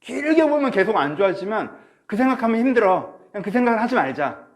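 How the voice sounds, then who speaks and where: A man's voice: high voice, sing-song, fast. A male pastor preaching a sermon through a face mask, slightly muffled, addressing listeners directly with questions and acting out inner thoughts. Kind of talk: sermon to a congregation, preached online. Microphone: speaking through a face mask.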